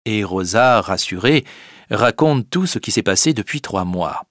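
A man's voice: fairly low pitch, lively intonation, a little slow, fairly bright tone, no room sound, studio quality. Man reading a story aloud. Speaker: narrator.

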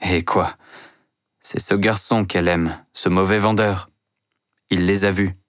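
A man's voice: low voice, steady tone, unhurried, a bit bright, no room sound, clean studio sound. A man playing a proud, passionate store owner. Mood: stern.

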